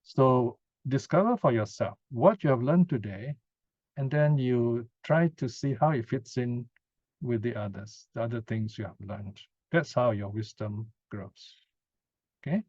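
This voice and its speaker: A man with a medium-pitched, darkish voice talks unhurriedly through an informal Buddhist teaching, answering questions and often adding short tag questions to check in. The audio is dull, lo-fi and dry, with no echo.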